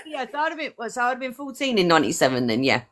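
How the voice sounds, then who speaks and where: A woman's voice: on the high side, huge pitch swings, racing. A woman in her forties chatting casually as a fan guest, rambling cheerfully and laughing at her own mistakes. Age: 40s. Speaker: fan guest on a live stream. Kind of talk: casual chat.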